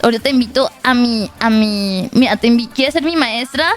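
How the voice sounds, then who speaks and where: Talking fairly fast in a slightly high voice, this young streamer keeps up a relaxed running commentary on her game, bursting into laughter, shouting at the screen, and reciting pickup lines.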